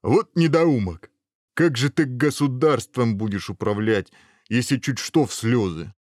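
A man voicing a hungry, blustering male ogre in a storybook tale, gruff and scolding. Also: lowish voice, normal speed, no room sound, clean studio sound, lightly acted. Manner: gruff, scolding, then faint and dying.

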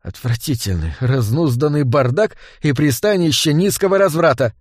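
A man's voice: on the high side, animated, moderate pace, darkish tone, slightly rough, no room sound, clean studio sound. A man voicing a fussy, disapproving male elf in a storybook reading. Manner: prim and disapproving. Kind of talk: audiobook character voice.

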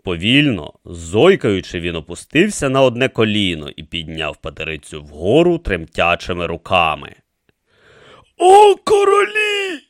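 A man narrating an audiobook in a measured, expressive storytelling manner. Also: low-pitched, no room sound, clean studio sound.

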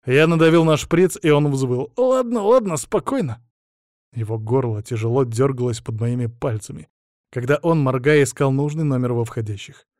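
Calm male audiobook narrator, dry sound. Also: medium pitch, moderate pace, dry recording. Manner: calm, cold and even, clipped in dialogue. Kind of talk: first-person audiobook narration.

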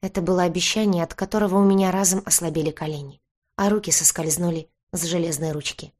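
Woman narrating an audiobook, low-pitched. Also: fairly even intonation, fast talker, darkish tone. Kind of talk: first-person fiction narration.

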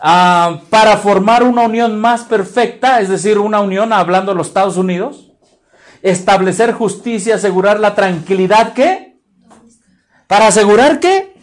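A man with a Mexican accent preaching a sermon, quizzing his listeners with repeated questions and stretching out key words for stress. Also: high voice. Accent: Mexican Spanish. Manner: emphatic, drawn-out stresses.

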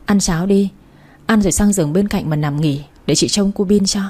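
A woman voicing a caring older woman friend in a storybook reading, speaking in a gentle, soothing way. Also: medium pitch, fairly quick, natural voice. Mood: coaxing.

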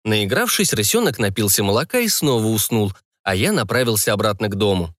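Expressive male audiobook narrator. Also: lowish voice, a little fast, dry recording, studio quality. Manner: expressive storytelling.

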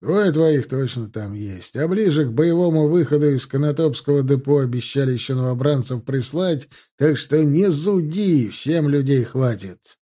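A man's voice: medium pitch, moderate pace, hardly any pauses, warm tone, close to an everyday voice. A man voicing a brusque army major who barks names and orders impatiently in a storybook reading. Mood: dismissive. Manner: barking, impatient.

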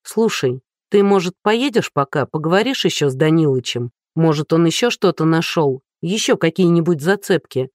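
A reader voicing a calm, tactful female police captain who stays firm. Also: low voice, moderate pace, hardly any pauses, no echo, clean studio sound. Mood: steady.

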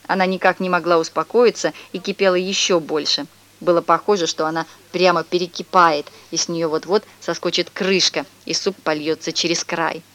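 A woman narrating a children's story for an audiobook in a lively, expressive way. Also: on the low side, moderate pace.

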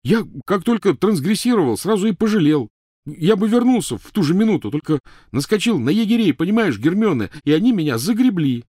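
A man voicing a teenage boy wizard who pleads loudly, blusters and tries clumsy jokes. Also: medium pitch, very animated, moderate pace, no room sound, clean studio sound, pitched above the performer's own voice. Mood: explaining. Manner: loud, pleading, clumsy joking.

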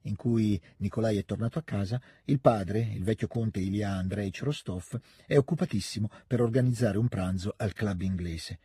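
A man narrating a classic novel in an audiobook, with a steady, expressive reading into a close studio mic. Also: on the low side, moderate pace, hardly any pauses, slightly rough, no room sound. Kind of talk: scripted literary narration.

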